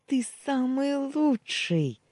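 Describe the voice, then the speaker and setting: A woman's voice: fairly low pitch, very animated, a little slow, dark tone, breathy edge, dry recording, voice pushed up, exaggerated voice. A man reading an audiobook voices the narrator's younger sister, a nervous young woman, lifting his voice well up and making it breathless and pleading. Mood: overjoyed.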